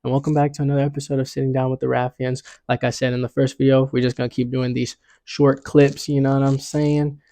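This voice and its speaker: A young man runs through his sports picks in a relaxed, slang-heavy vlog chat. His voice is gravelly and mellow. The sound is dry and close. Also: mid-range voice, quick pace, hardly any pauses, dry recording. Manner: laid-back slangy, says "you know what I'm saying" a lot. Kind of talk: casual sports picks talk.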